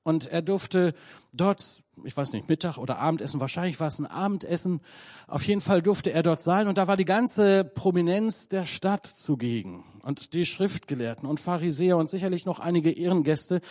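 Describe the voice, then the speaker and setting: A man preaching a sermon in German, telling a story with a conversational touch, lively at times and hushed at others. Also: on the high side, normal speed.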